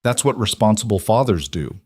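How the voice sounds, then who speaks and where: Guy reading a cold rich dad about sixty, sneering, bossy, lowish voice. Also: animated, brisk, mellow, slightly rough, dry recording, clean studio sound. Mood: scornful. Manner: disdainful, cold and commanding. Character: cold wealthy Italian-born father, about sixty. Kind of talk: audiobook character voice.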